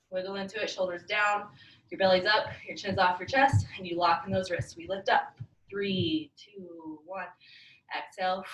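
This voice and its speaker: A woman coaches a workout like an aerobics instructor, with short, commanding and encouraging cues at a middling pitch. Her voice carries from a distance in a roomy, echoing space, with faint noise in the recording. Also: a bit bright, dull audio. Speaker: fitness class instructor. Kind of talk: aerobics instructor cueing a live workout with counts and breathing cues. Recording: roomy echo, far from mic, faint noise.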